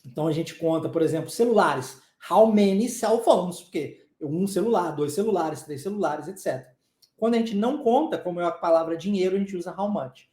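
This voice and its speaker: With a Southeastern Brazilian accent, a man chats his way through a live online English pronunciation lesson, checking in frequently with "tá?" and coughing from time to time. He sounds animated and a little fast, with a fairly high pitch and dark tone, in an echoey room.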